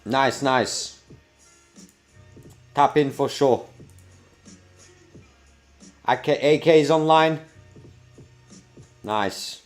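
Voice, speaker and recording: This Belgian host has a mid-range, darkish voice and an accent mixing UK, New Zealand and American influences. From his home desk setup he runs a casual livestream, chatting upbeat with viewers while he works, though he's tired from a night awake.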